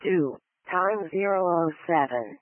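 Female dispatch announcer, slow and formulaic, clipped phrase by phrase, on dry narrowband scanner audio. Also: lowish voice, lively intonation, no echo. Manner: formulaic, each detail read in separate short phrases. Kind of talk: scripted radio dispatch announcement.

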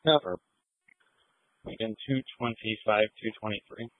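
A man's voice: on the low side, unhurried, dry recording. A man working as a police officer, giving clipped, code-filled updates heard over a two-way radio. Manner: clipped, procedural radio codes. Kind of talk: terse radio traffic. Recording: tinny dry radio transmission.

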